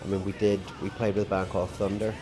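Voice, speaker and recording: A Northern Irish man talks loosely in an interview, rambling through stories with plenty of "you know"s. His voice sits very low. Loud music plays clearly behind him. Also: little pitch movement, fast talker. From Northern Ireland. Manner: chatty storytelling with fillers. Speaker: rock band drummer. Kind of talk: casual interview chat.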